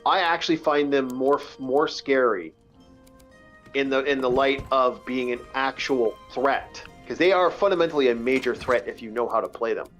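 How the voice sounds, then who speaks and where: A man's voice: medium pitch, moderate pace, a bit bright, dull audio, soft background music. A man casually chatting about fantasy games on a live stream, rambling and swearing freely. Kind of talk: casual chat while gaming.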